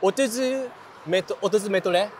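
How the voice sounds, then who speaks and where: Japanese guy in his 30s talking halting broken turkish, casual chat, noisy outside. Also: high voice. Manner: halting foreigner's broken Turkish, hesitant simple phrases. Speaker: interview guest, engineer. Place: outdoors, walking in a city.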